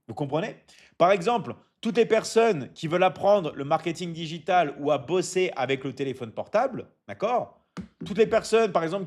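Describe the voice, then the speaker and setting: A man hosting a casual live stream, answering viewer comments and coaching with lots of "d'accord?" and restarts. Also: on the high side. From Michigan. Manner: repeats "d'accord?" often, stumbles and restarts, coaching tone.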